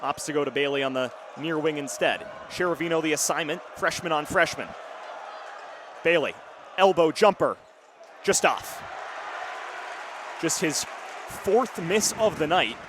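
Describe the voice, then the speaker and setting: This early-twenties basketball announcer gives live radio play-by-play from courtside in clipped, punchy phrases, though his slightly high voice is unhurried and leaves long pauses. Around him are loud crowd noise, court sounds and a bouncing ball.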